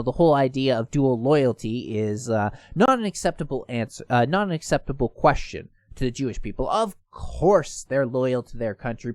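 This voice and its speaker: A man's voice: medium pitch, dry recording, studio quality. A man hosting casual online news commentary, reading posts aloud and stumbling now and then. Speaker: host.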